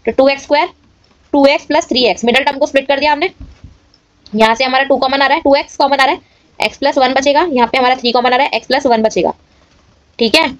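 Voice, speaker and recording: A woman's voice: high voice, fast talker, no room sound, muffled recording. A woman teaching a maths lesson and explaining each step aloud, often checking in with her students.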